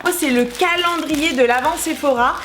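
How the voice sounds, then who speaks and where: A woman's voice: high voice, normal speed. Gushing woman vlogger in an echoey room. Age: 30s. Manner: gushing, enthusiastic, chatty. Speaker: beauty vlogger. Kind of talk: casual unboxing chat. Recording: echoey room, faint noise.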